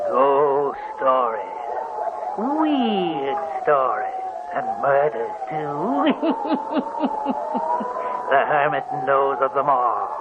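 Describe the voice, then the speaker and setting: An actor playing an eerie old hermit who cackles and tells horror tales, in 1940s radio horror style. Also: male voice, on the high side, huge pitch swings, full character voice. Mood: sinister. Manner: cackling, drawn-out sinister delivery. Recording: dull noisy old radio recording.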